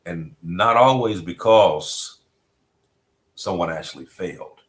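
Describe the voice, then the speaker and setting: Deep-voiced middle-aged man hosting a podcast. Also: slow pace. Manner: reflective, repeats himself, frequent "you know what I mean". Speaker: podcast host. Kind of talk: podcast conversation.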